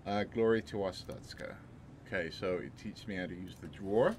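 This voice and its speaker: A streamer in his thirties chats casually and thinks aloud while playing a game in a small home room, using a headset with a desk mic. A sore throat makes his deep voice lower than normal. He talks at a moderate pace in a relaxed, rambling way, with slight background noise.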